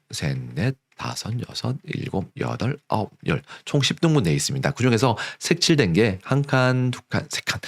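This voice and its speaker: A man teaching an elementary math lesson online, patiently counting aloud and repeating each step for children. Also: mid-range voice.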